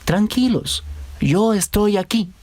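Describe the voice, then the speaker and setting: A man voicing a calm, gentle grown man in a children's Bible story, speaking softly and slowly. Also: medium pitch. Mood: reassuring.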